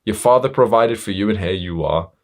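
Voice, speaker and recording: A man with a very low voice delivers a hard-edged motivational monologue. He talks straight at the listener, swearing freely and pushing harder as he goes, tripping over fillers and restarts along the way. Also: a little fast. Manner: blunt, confrontational, heavy swearing; fillers and self-restarts, building intensity. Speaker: motivational speaker.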